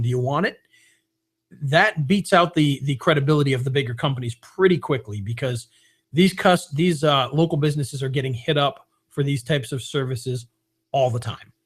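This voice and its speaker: A man hosting a live webinar, pitching a membership and answering viewer questions in a casual, upbeat way. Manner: casual, upbeat, with fillers and quick jokes. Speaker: webinar host.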